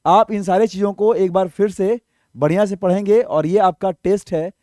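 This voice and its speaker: A man's voice: high voice, fairly even intonation, normal speed, dark tone, no room sound, studio quality. A man teaching English vocabulary in an online exam-prep lesson, explaining patiently, asking rhetorical questions and checking in often.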